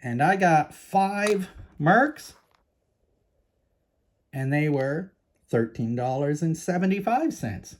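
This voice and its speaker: With long pauses and a slow pace, a man with a Canadian accent shows off coins in a casual vlog for his collecting channel. His voice sits on the high side and is expressive, and he talks to viewers in an eager, chatty way.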